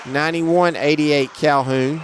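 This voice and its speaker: A man doing live play-by-play commentary on a basketball game, brisk and matter-of-fact, raising his voice on big plays. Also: a little high, fairly even intonation, a faint crowd, slight background noise. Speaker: play-by-play announcer.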